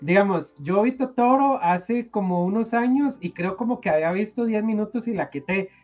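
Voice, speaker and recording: A man's voice: sits high, moderate pace, highs cut off, soft background music. A man with a Costa Rican accent chatting casually as a podcast co-host, gushing and sentimental, full of fillers. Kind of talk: casual chat.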